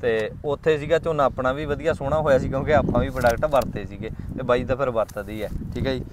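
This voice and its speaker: A man's voice: medium pitch, fairly even intonation, fast talker, noisy background. A Punjabi man hosting a farming interview, chatting casually and speaking directly to viewers. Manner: chatty, addresses viewers as friends. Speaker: farming channel host.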